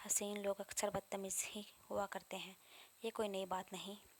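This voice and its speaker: A woman's voice: medium pitch, level tone, natural voice. A woman narrator voicing a brash, confident young male police officer who teases and talks with self-assurance. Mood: teasing.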